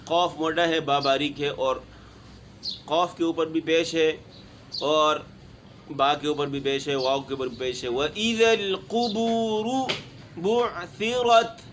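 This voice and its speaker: A man with a high, ringing voice gives a recitation lesson. He draws out verses in a slow, melodic chant, then drops lower and speeds up to explain how each letter should sound. Faint background noise sits behind him. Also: level tone, a bit bright. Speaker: Quran recitation teacher.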